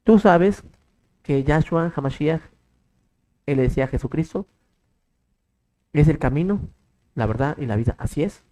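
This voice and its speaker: A man's voice: fairly high pitch, animated, normal speed, pauses often, warm tone, poor audio. A man preaching a sermon, firing off rhetorical questions and acting out bits of dialogue. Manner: emphatic, rhetorical questions, acts out quoted dialogue.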